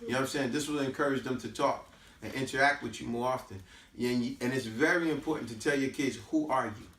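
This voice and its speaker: An American man delivers an informal, preachy talk on history and culture, speaking quickly in a mid-range, fairly bright voice. He's emphatic and repetitive and leans on rhetorical questions. The echoey room and distant mic come with a little hiss or hum.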